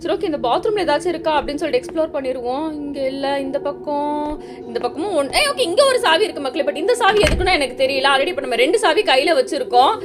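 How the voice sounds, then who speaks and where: Very high-pitched jittery woman gamer. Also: fast talker. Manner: excitable, jittery, addresses viewers directly. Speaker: gaming channel host. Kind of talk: live horror game commentary.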